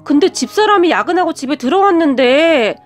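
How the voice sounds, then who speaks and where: A woman's voice: high voice, animated, brisk, soft background music. A woman voicing an exasperated young husband who sighs and complains. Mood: explaining. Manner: sighing, yelling in exasperation. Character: exasperated young husband, caught between sister and wife.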